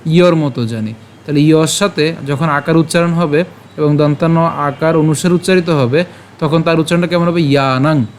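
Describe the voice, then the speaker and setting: A man teaching the pronunciation of Sanskrit verses, chanting slowly and asking patient questions. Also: on the high side, steady tone, a little hiss or hum. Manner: slow syllable-by-syllable chanting of verses; patient explaining with rhetorical questions. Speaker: Gita recitation teacher. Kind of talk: pronunciation lesson.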